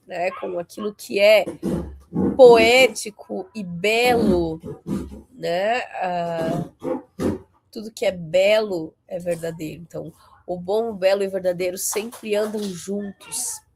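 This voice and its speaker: Speaking to fellow Christians in a conversational way, a woman in her 40s tags many sentences with a questioning "né?" and pushes into emphatic rises. Her voice is medium-pitched and slightly rough.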